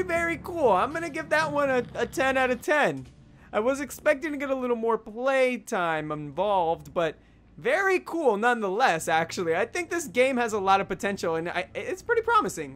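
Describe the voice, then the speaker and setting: Very high-pitched, this young man jokes and reacts as he plays a video game for an audience. He's a gaming YouTuber doing let's-play commentary, animated and addressing viewers directly, over a slight hiss or hum.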